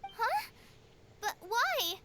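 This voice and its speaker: A woman voicing a tiny, childlike companion creature in a video game, squeaky, curious and easily baffled. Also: sing-song, very slow, sharp tone, slight background noise, heavily acted. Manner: squeaky, speaks of itself in third person.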